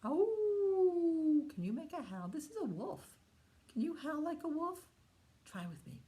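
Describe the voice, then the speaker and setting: Singsong woman teaching young children, swooping pitch. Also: big pitch swings, normal speed, darkish tone. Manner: broad singsong children's-presenter delivery, asking questions. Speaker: children's educator. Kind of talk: educational talk to young children about animals.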